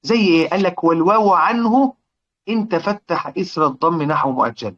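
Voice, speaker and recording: A man with an Egyptian accent teaching Quran recitation rules. He asks his listeners questions, answers them himself, and draws out example words slowly. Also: high voice, animated, fairly bright tone, highs cut off. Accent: Egyptian Arabic. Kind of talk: explanatory lesson.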